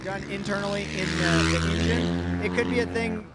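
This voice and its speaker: A man's voice: low voice, huge pitch swings, normal speed. A man giving live race commentary, analyzing and speculating as he explains. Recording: noisy outdoor race broadcast.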